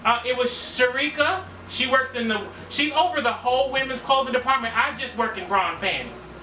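A man's voice: very high-pitched, brisk, crowd noise. A young man playing an earnest, polite department store worker on a straight-faced prank call. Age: young adult. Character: earnest male farm-owning lingerie department worker calling off. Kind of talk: improvised prank phone call. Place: small living room. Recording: roomy, distant camera sound, music.

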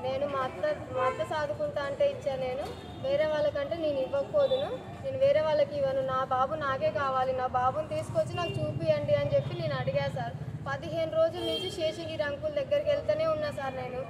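A young woman with a high voice pleads urgently, speaking quickly and circling back over the same points. She keeps addressing her listeners as sir. Loud traffic and street noise surround her outdoor recording. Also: steady tone. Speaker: complainant appealing to officials. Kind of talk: distressed street appeal to reporters.

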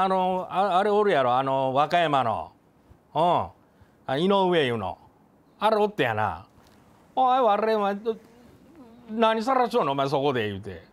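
A man with a Kansai accent playing a loud, bullying middle-aged café customer who blusters and threatens in a comedy sketch. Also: high voice. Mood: boastful phone chat. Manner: blustering, threatening, keeps saying "you".

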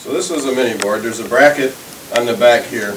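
A man's voice: medium pitch, brisk, distant mic. A man in his thirties walks through how his fishing gear works, explaining step by step and often restarting his sentences. His voice carries a roomy echo, picked up from a camera across the shop with a faint hiss underneath. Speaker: fishing tackle presenter. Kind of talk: casual product demonstration. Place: indoor tackle shop.

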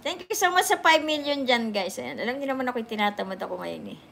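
Speaking from an indoor room with a sofa, the woman in her sixties uses a slightly high, gravelly, fairly bright voice, animated and quick, with slight background noise. She hosts a casual phone livestream at arm's length, sounding sleepy while she responds to comments, mixes languages, and thanks viewers again and again.

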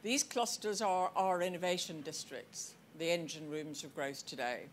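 A woman delivering a scripted conference speech, measured and deliberate, with the odd wry aside. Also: low-pitched, slight background noise. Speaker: conference speaker. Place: conference hall.

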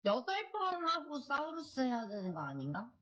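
A woman's voice: sits high, wildly swooping pitch, normal speed, a bit bright, muffled recording, a little hiss or hum. A woman live streamer chatting casually with viewers, playful and teasing as she thinks aloud, with slightly slurred articulation from a dental retainer.

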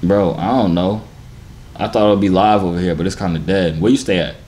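A man in his early twenties with an American accent and a deep, booming voice, chatting in a laid-back, slangy, teasing way. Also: steady tone, a little fast, a little mellow, slight background noise. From New York, United States. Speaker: vlogger hosting a random video-chat prank. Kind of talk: casual flirtatious chat. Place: garage-like home gym, indoors.

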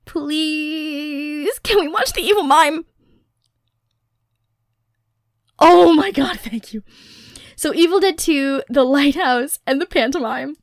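In an ASMR girlfriend roleplay, a woman acts as a high-pitched, excitable young girlfriend who is nerdy, playful and affectionate. She speaks unhurriedly, at a measured pace, close to a dry studio microphone in an intimate monologue. Excited and pleading, she teases, rambles nerdily and is very expressive.

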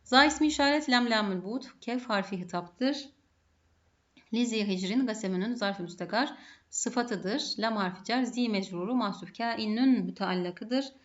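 At a normal speed and a somewhat high pitch, a Turkish-accented woman teaches Arabic grammar step by step, methodically asking and answering her own questions. The high frequencies are cut off in the recording.

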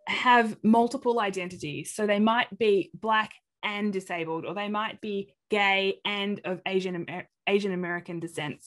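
This is a webcam webinar on inclusion, led by a woman with an Australian accent speaking at medium pitch. She's energetic, performing the quoted reactions in different voices.

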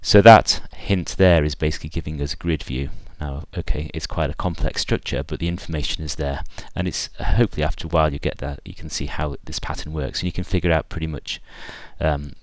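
A man giving an unscripted screencast walkthrough of software, thinking aloud with frequent fillers and restarts. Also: rumbling low, fairly even intonation, brisk, hardly any pauses, no room sound.

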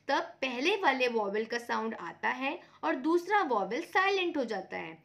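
A woman's voice: sits high, a bit bright. A woman teaching a phonics lesson for parents, patiently spelling words out letter by letter.

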